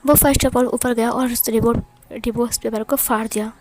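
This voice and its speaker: A woman retelling fan fiction as a storyteller, in plain, steady narration. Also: a little high, a little fast, faint music behind.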